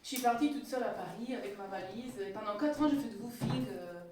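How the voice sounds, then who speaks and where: A woman's voice: mid-range voice, a little fast, darkish tone, a little hiss or hum. A woman from Italy speaking with an Italian accent, giving a hesitant, casual talk full of fillers as an author-illustrator. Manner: hesitant, many fillers and restarts. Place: community hall with audience. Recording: echoey hall from far off.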